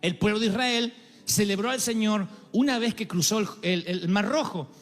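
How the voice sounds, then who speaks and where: Pastor, high voice, lively dramatic sermon in a big echoing hall with soft music. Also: male voice, moderate pace. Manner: dramatic, acts out quoted voices, humorous asides. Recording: live hall with long reverb, faint music.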